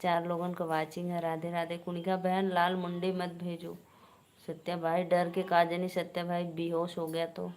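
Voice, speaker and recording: A woman's voice: lowish voice, monotone, normal speed, a little mellow. A woman with an Awadhi accent hosting a live stream, chatting casually and teasingly with viewers and greeting them by name.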